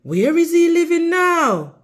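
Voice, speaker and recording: This is a storybook read-aloud for young children by a woman who never rushes. Her lively pitch and teacher-like style come through as she keeps asking the kids questions.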